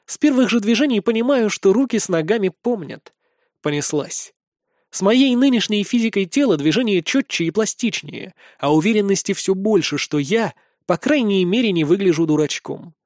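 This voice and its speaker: A man narrates a first-person fantasy audiobook in a high, lively voice that rises and falls expressively. He reads close to the mic, and the recording is dry, with no room sound. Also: normal speed, no echo.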